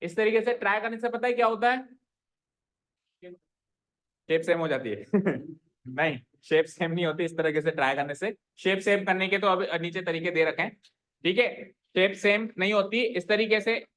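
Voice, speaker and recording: A man's voice: sits high, moderate pace, a bit bright. Male teacher, classroom lesson, quizzes students, drills repetition, mixes in English terms. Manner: quizzes students, makes them repeat answers. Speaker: math teacher.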